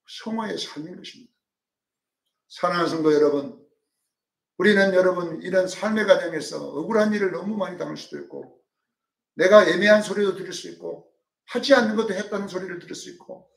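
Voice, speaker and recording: High-voiced Korean pastor preaching in a roomy hall. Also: male voice, brisk, creaky, distant mic. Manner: dramatic, swings between loud calls and hushed asides, acts out quotes. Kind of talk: sermon. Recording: roomy sound from off-mic.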